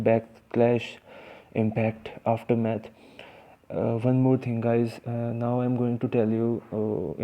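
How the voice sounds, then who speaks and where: A man with an Indian accent gives an informal English vocabulary lesson, teaching casually and hesitantly with many fillers and restarts. His voice is medium-pitched, and the audio sounds dull.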